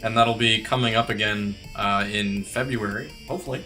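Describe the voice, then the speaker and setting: Bright-voiced man hosting a launch stream. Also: on the low side, moderate pace, soft background music. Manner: relaxed, many fillers. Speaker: game studio host. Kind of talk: casual launch livestream chat.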